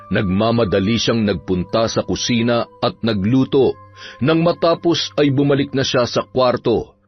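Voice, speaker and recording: A man narrating a dramatic family story in a steady scripted reading. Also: medium pitch. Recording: dull audio, soft music behind.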